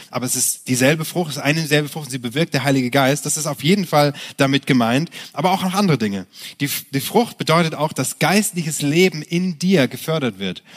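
A man in his thirties preaching a sermon as pastor, lively and direct, often restarting phrases and asking the listeners rhetorical questions. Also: a little high.

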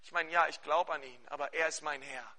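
A male pastor preaching with a high voice and a very bright, forceful tone. He talks animatedly and keeps checking in with his listeners. He also leads a fervent spoken prayer. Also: fairly quick. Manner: animated preaching with questions to the congregation. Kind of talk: sermon.

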